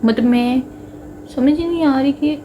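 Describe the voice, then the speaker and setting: A woman's voice: sits high, normal speed, mellow, a little hiss or hum. A young woman with a Punjabi accent, chatting and joking with viewers on a casual livestream. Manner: chatty, joking and self-mocking, mixing Punjabi into Hindi. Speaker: livestream host.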